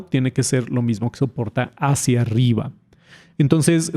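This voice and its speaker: Guy walking thru physics problems, kinda gravelly, mellow low-key tone, chatty. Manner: casual, chatty explaining, talks to the viewer directly. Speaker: physics tutor. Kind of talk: explaining a physics lesson over drawings.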